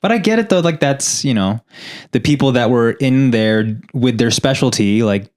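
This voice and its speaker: A man with a medium-pitched voice hosts a casual interview. He is agreeable and informal, feeling his way tentatively through his questions. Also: expressive, moderate pace, a little mellow.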